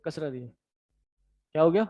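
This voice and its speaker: A man with a Pakistani Urdu accent teaching a lesson, quizzing his students in a brisk, encouraging way. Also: a little high, mellow, no echo. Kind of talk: classroom lecture. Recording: dry, slightly dull sound.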